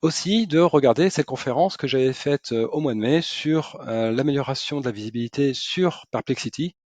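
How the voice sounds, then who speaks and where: A man's voice: medium pitch, moderate pace, darkish tone, no room sound. A man giving an ironic explainer monologue, sarcastic and hesitant with frequent fillers. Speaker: SEO and AI commentator.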